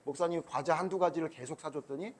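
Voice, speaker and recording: A male pastor giving a Sunday school sermon, animated and constantly putting questions to the children. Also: on the high side, quick pace.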